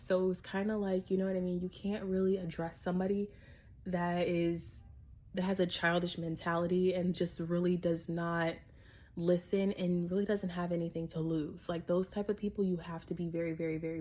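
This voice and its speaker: A woman vlogger telling a work story in casual, animated chat, full of "like" and "you know what I mean.". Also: lowish voice, normal speed.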